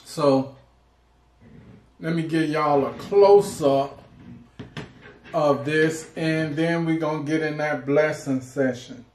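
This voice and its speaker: A man hosting a casual eating vlog, chatting informally and pausing often mid-thought. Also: a little high, darkish tone. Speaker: food vlog host. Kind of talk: casual mukbang chat while eating. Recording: roomy, echoing indoor sound.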